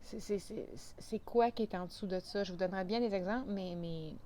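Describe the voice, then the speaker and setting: A woman's voice: mid-range voice, brisk, warm tone, a little hiss or hum. Chatty Quebec French woman vlogger. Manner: chatty, with many restarts and fillers. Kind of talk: casual talk to camera.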